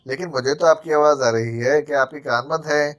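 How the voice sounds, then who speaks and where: A man's voice: fairly high pitch, lightly acted. A man voicing a stammering, jumpy manservant. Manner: stammering, quick-tongued sarcasm. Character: jittery comic male servant, quarrelsome.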